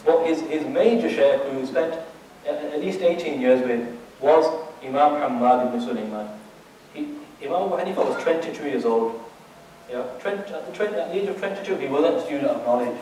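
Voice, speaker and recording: A man's voice: medium pitch, expressive, fairly quick, mellow, a little hiss or hum. A man giving a religious lecture, asking his audience rhetorical questions and often restarting and repeating his words. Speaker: Islamic teacher. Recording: very echoey room, distant mic.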